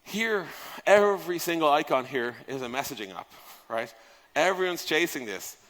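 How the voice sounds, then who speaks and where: Speaking at a moderate pace, a man with a slightly high, a bit bright voice and lively intonation talks about software product design on a conference stage. His informal delivery is emphatic and chatty, with rhetorical questions and casual cursing, all echoing through a large hall with long reverb.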